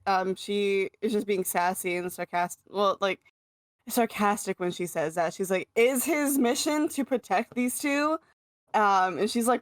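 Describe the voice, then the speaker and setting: A woman's voice: medium pitch, no echo. A woman co-hosting a podcast in casual chat, chatty with many fillers and frequent laughs. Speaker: podcast co-host.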